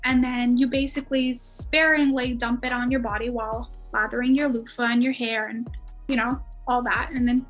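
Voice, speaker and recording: High-voiced chatty American woman. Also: little pitch movement, normal speed, soft background music. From United States. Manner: chatty, laughs often, many fillers. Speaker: podcast guest. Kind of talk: casual storytelling.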